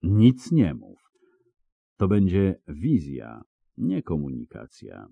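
A man voicing a calm, measured elf sage from an audiobook. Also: deep voice, vocal fry, breathy edge, no echo, phone-quality sound, heavily acted. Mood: calm guiding.

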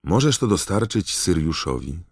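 Harry, read by a deep-voiced man, teen wizard. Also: sing-song, moderate pace, no echo, clean studio sound. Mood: friendly. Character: young teenage boy wizard, cheerful. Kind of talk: audiobook character reading.

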